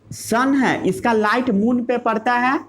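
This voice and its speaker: A man's voice: very high voice, takes it slowly, fairly bright tone, a little hiss or hum. A male teacher giving a classroom science lesson. He asks rhetorical questions, answers them himself, and mixes English terms into his Hindi.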